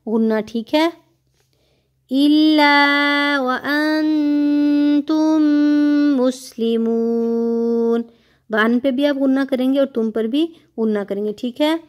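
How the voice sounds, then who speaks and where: A patient woman with a Pakistani Urdu accent teaches a tajweed lesson in a slightly high voice. She explains how each letter should sound and then recites the verses slowly, drawing out the vowels. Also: dark tone.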